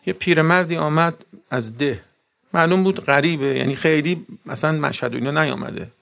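A man's voice: a little high, vocal fry. A man preaching a sermon to a gathering, mixing recited Arabic verses into plain talk and often putting questions to his listeners.

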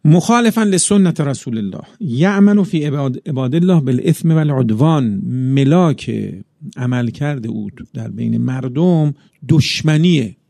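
A man preaching a religious sermon, speaking in measured phrases that build into emphatic bursts, recited passages. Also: on the high side, vocal fry, dark tone, dry recording, clean studio sound.

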